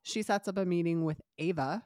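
Woman with a cold, low and dry. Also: brisk, no echo. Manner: animated storytelling, acting out characters' lines. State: has a cold, stuffy. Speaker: podcast co-host. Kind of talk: casual soap opera recap chat.

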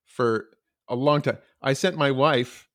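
A man's voice: medium pitch, takes it slowly, fairly bright tone. A man hosting a podcast, asking questions in a hesitant way full of fillers. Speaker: podcast host. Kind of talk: podcast interview.

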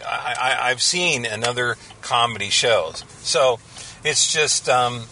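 A hesitant man co-hosting a podcast, talking casually and stalling often on fillers. His voice is bright and mid-pitched. Faint noise sits under it. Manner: hesitant, halting with many fillers. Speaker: podcast co-host. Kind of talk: casual chat.

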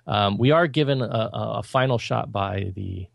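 A man's voice: lowish voice, normal speed, gravelly, no room sound, studio quality. A man co-hosting a podcast, reviewing films in casual chat with an opinionated, critical and rambling manner. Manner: loose, rambling delivery.

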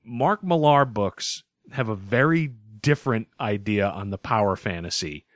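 A man's voice: fairly low pitch, animated, a little slow, a bit bright, no echo, clean studio sound. A man from Boston co-hosting a casual movie review chat, joking and swearing freely. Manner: wry, profane, joking. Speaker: podcast co-host.

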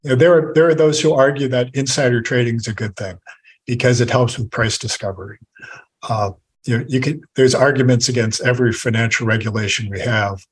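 A male author as an interview guest, explaining history in a measured, storytelling way. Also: medium pitch, steady tone, slightly rough, rough recording. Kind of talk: podcast interview conversation.

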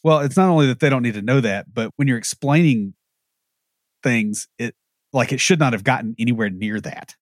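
A podcast co-host trades blunt, wry opinions and anecdotes in a casual, opinionated chat. His mid-range voice runs a little fast, and the recording is clean and studio-quality with no room sound.

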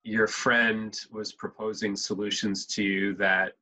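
A man with a low, husky voice leads an interview and gently sums up what his guest has said. His tone is bright and forceful, and he restarts his sentences as he thinks. He sounds reflective. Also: level tone, a little slow, rough recording. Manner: reflective, summarizing with hesitant restarts. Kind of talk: interview conversation.

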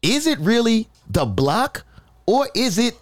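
A man hosting a casual podcast chat, asking questions in an animated way with frequent restarts. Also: extremely high pitch, slow pace, dry recording. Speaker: podcast host.

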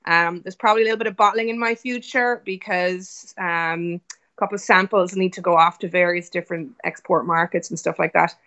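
A woman's voice: on the low side, steady tone, fairly quick, fairly bright tone. A woman speaking casually and informally as an interview guest over a web call, explaining at length. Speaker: interview guest, whiskey business founder. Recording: dull web-call audio.

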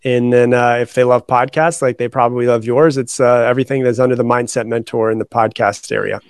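A man's voice: mid-range voice, fairly even intonation, a little fast, smooth, dry recording, clean studio sound. A man chatting casually as a podcast guest, informal, repeating and rephrasing as he explains. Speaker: podcast guest, author and coach. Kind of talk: casual interview chat.

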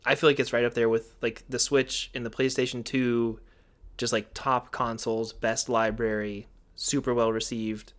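A man hosting a casual podcast, speaking into a studio microphone at an everyday middle pitch. He rambles with plenty of "like" and "um" and slips into playful asides. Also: little pitch movement, moderate pace, a bit bright. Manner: rambling, filler-heavy, playful. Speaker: podcast host.

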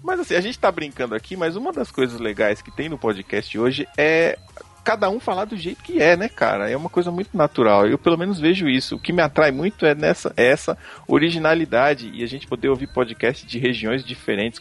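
A man's voice: on the high side, very animated, brisk, breathy edge. A man hosting a podcast in a casual, unscripted live chat. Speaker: podcast host.

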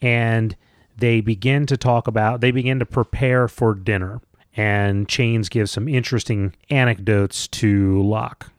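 A man's voice: fairly low pitch, fairly even intonation, measured pace, no echo, clean studio sound. A man co-hosting a casual book discussion podcast, summarizing chapters and breaking into jokey, playful bits. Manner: jokey, bursts into silly sing-song bits. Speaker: podcast co-host.

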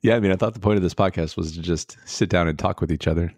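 A man's voice: sits low, quick pace, darkish tone, dry recording, studio quality. A young man co-hosting a podcast, talking casually in a rambling way with lots of fillers. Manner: rambling, many fillers and restarts. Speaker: podcast co-host.

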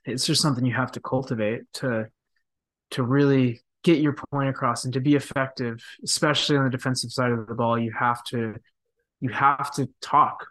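A professional midfielder in his thirties gives a casual interview on a low-quality recording, speaking softly and thoughtfully with frequent fillers and restarts. His mid-range voice holds a steady tone at a moderate pace.

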